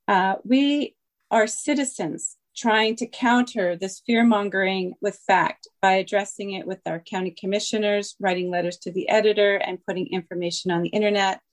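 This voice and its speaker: A woman's voice: mid-range voice, steady tone, moderate pace. A woman calling in to a meeting to give a prepared public comment, earnest and reading from notes with a few ums. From Washington State. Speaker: caller. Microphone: phone call-in.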